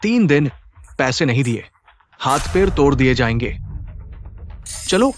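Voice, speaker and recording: A man's voice: medium pitch, big pitch swings, unhurried, slight background noise. A man voicing a threatening young debt collector thug in a dubbed drama. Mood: menacing. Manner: threatening, taunting.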